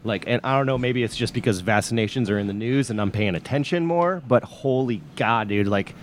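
A man co-hosting a casual podcast, excitable and quick to swear. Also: mid-range voice, a little hiss or hum. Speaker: podcast co-host. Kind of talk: casual chat.

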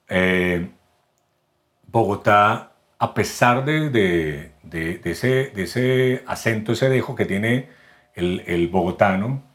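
A man with a paisa accent from Medellín speaks as a podcast guest, explaining things at length in a somewhat low voice. He often restarts his sentences and repeats words while he searches for the right phrasing. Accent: Colombian paisa (Medellín). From Medellín, Colombia. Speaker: guest voice actor and announcer. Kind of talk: casual podcast interview.

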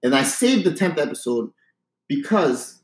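Young male co-host, lightly high voice, casual delivery, very roomy sound. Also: sing-song, measured pace. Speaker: podcast co-host. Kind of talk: casual chat. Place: basement, indoors. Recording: echoey basement room.

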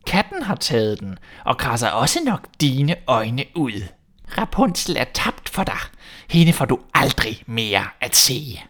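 Spiteful old fairy-tale witch played by a male narrator, high and shrill, stretches her words. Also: sing-song. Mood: scolding. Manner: shrill, drawn-out calling and scolding.

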